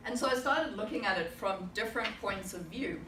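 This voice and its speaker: This woman's medium-pitched voice sounds brisk and a bit bright as she presents a prepared, reflective talk laden with rhetorical questions. She's in her forties, from South Africa, and speaking to a club audience in a meeting room. Echo, a far-off mic, and background noise mark the recording.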